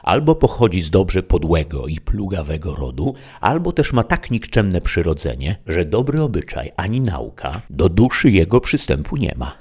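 A lofty, quick-tempered old knight, read by a man narrating the book. His deep, husky voice delivers archaic advice solemnly and sternly. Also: sing-song, a little mellow, full character voice.

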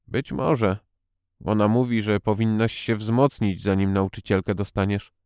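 A man's voice: on the low side, fairly even intonation, a little mellow, clean tone, dry recording, studio quality. A man playing a tired, sickly guardian. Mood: weary. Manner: tired, slow, absent-minded. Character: weary, sickly middle-aged guardian, gentle. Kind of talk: audiobook character reading.

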